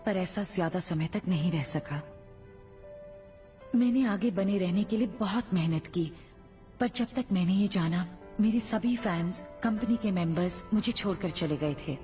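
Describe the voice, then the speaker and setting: A woman's voice: mid-range voice, mellow, natural voice. A woman voicing a composed stage actress. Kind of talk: Hindi anime film dub.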